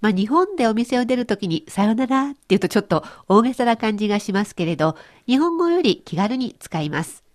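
A woman's voice: a little high, a little fast. A woman presenting a radio language lesson, explaining cheerfully. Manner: cheerful explaining, lively intonation. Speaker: language teacher.

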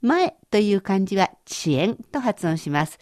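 Lively patient woman teacher, dry studio. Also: medium pitch, no echo. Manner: patient explaining, slow careful word-by-word breakdowns. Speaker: Chinese language teacher. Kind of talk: radio language lesson.

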